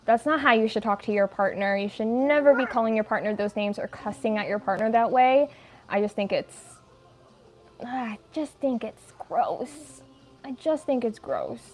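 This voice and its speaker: With a somewhat high, slightly mellow voice, an American livestream host chats at home while crocheting. She rambles, gets sidetracked easily, and says "like" often.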